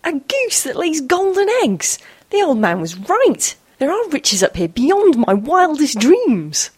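A woman playing Meg, an earnest, curious young astronomer in a panto story, with a breathy voice. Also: high-pitched, wildly swooping pitch, slow, darkish tone, pitched above the performer's own voice, heavily acted. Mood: wonder. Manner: wide-eyed, exclaiming, curious.

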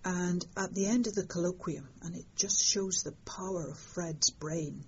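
Older woman, low husky voice, wry and animated storyteller, lo-fi interview. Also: moderate pace. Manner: lively storytelling, fond of understatement. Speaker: interviewed astronomer. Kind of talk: conversational interview. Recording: dull lo-fi sound.

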